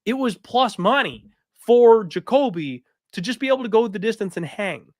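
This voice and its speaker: Raspy, throaty male podcast host fighting illness. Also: sits high, animated, normal speed, darkish tone, no room sound, studio quality. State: sick, with a cough. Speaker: sports betting podcast host. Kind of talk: casual fight recap commentary.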